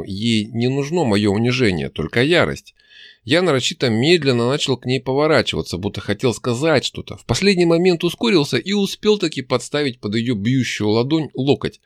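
A man narrating a first-person fantasy audiobook, with expressive, animated storytelling. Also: medium pitch, no room sound, clean studio sound.

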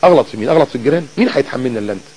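A preacher putting on the voice of an apologetic wife soothing her husband in Egyptian Arabic, soft and coaxing. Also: mid-range voice, animated, rapid-fire, breathy edge, pitched below the performer's own voice.

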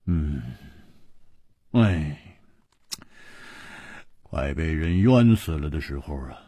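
A man doing a swaggering young hero from a storybook tale, blustering one moment and stammering the next. His husky, low voice swings widely up and down in a dry, close sound. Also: wildly swooping pitch, unhurried, dark tone, dry recording, exaggerated voice. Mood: hearty. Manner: stammering and hesitant, then blustering. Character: bold swaggering young male hero, easygoing.

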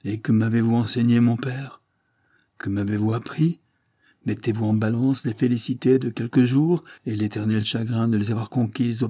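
A fervent young nobleman bound by duty, read by a male narrator, declaiming with raised, impassioned intensity. The voice stays dark and husky underneath. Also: medium pitch, lightly acted.

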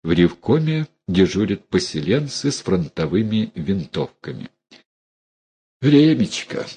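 A man narrating an audiobook in an expressive, dramatic reading. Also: low-pitched, unhurried, slightly rough.

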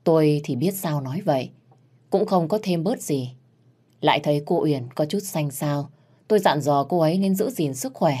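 A woman narrating a first-person story in a steady, measured reading. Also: sits low, slightly rough.

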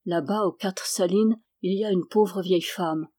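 A woman reading aloud, voicing a young fisherman who speaks softly and serenely. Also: fairly low pitch, fairly even intonation, moderate pace, natural voice. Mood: gentle. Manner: soft, serene, timid. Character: young fisherman, calm and gentle facing death.

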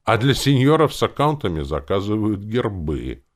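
Give me a man playing a teasing, easygoing captain with a deep voice. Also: very animated, moderate pace. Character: cheeky laid-back male army captain. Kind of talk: audiobook character voice.

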